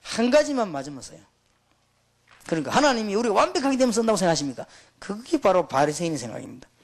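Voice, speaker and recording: A man's voice: sits high, very animated, fast talker. A middle-aged man, preaching to pastors in an emphatic, storytelling way. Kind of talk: sermon to pastors.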